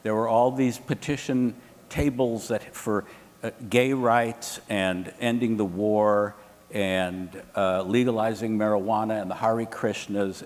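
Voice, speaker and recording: A man's voice: lowish voice, big-room sound. A man telling an anecdote as a panelist at a live event, acting out the people he quotes. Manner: animated, quotes others in lively voices. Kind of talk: anecdotal storytelling. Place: hotel event room.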